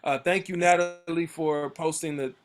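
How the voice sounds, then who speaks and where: A US man from the Oakland area guides a book club discussion by video call, reading timeline entries and remarking on them with many fillers and restarts. He speaks at a moderate pace in a fairly high, steady voice. Soft music plays in the background.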